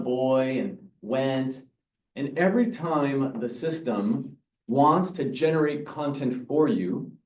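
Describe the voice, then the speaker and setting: Energetic man presenting in an echoey room. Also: medium pitch. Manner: energetic, explains with examples and asks the audience. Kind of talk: live talk to a meeting audience. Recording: echoey room, mic from far off.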